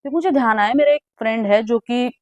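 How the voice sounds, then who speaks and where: A young woman tells a personal story casually and with animation, throwing in exclamations and English words. Her voice is a little high and fast, and the recording is dry and lo-fi.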